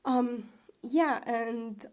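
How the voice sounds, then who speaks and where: Young female tarot vlogger, slightly high voice, recovering from a sore throat, chatty, rambling. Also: drawn-out words, a little mellow. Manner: rambling, chatty, many fillers and laughs. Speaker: tarot reader and channel host. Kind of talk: casual tarot reading vlog.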